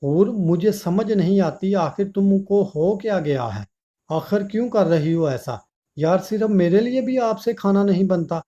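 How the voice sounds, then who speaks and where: A man's voice: a little high, moderate pace, warm tone, natural voice. A man voicing a loving young husband who pleads tenderly, in a dull lo-fi recording. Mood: hurt.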